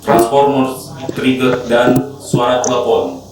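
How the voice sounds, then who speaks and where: A man's voice run through an echoey robot effect, sounding distant and metallic. He reads a short intro in an even, announcing way. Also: medium pitch, takes it slowly, soft background music. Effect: robot voice effect with delay and flanger. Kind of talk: short scripted intro read as a demo clip.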